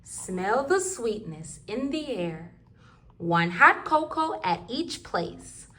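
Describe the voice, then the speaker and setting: A woman reads rhyming picture books aloud to toddlers, slowly and rhythmically in a sing-song way. Her voice is a little high and a bit bright.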